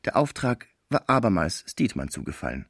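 A man reading a classic novel aloud as scripted narration in an expressive storytelling manner. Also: low voice, normal speed, husky, dry recording, studio quality. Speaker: audiobook reader.

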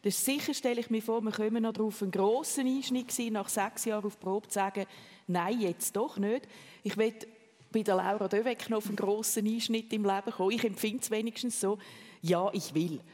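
A host with a Swiss German accent leading an interview with curious, conversational questions. The voice sits at a middle pitch, with a long reverb behind it. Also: fairly even intonation, a little fast, a little mellow. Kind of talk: radio interview.

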